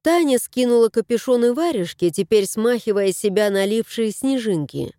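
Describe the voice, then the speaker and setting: A woman narrating an audiobook in an expressive storytelling voice on a close mic. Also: on the high side, moderate pace, no echo.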